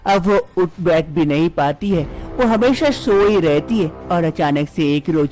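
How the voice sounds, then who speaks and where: A woman narrating a cartoon story in a plain, steady storytelling manner. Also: on the low side, measured pace.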